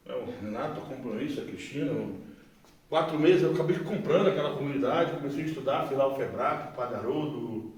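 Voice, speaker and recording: A Brazilian psychologist giving an informal recovery testimony talk, colloquial and animated, acting out dialogue. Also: male voice, a little high. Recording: echoey room, far from mic.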